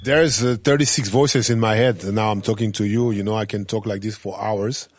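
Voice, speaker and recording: A man's voice: fairly low pitch, fairly even intonation, brisk. A middle-aged man with a French accent, a hotel owner talking casually in broken English full of fillers. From France. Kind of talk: casual interview talk.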